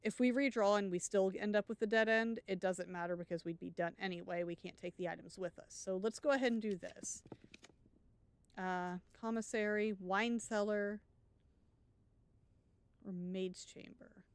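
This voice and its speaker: Woman streamer, smooth voice, dry close sound, chatty live gameplay commentary, thinks aloud. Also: mid-range voice, fairly even intonation, moderate pace, no room sound. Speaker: let's play streamer.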